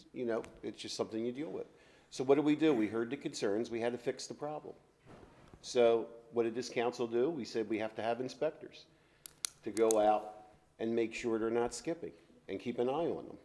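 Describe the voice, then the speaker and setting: A man's voice: medium pitch, warm tone. A man on a city council responding to public comments in a plainspoken, defensive way.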